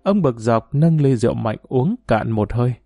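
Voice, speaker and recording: A man narrating a story in a measured, emotive reading. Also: medium pitch, expressive, gravelly, mellow, no echo, studio quality, soft background music. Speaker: audiobook narrator.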